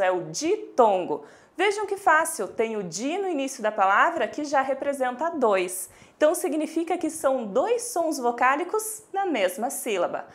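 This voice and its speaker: A woman teacher with a Brazilian Portuguese accent giving a scripted video lesson, speaking lively and directly to students and drawing out syllables slowly. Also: sits high. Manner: clear, drawn-out syllables for pronunciation.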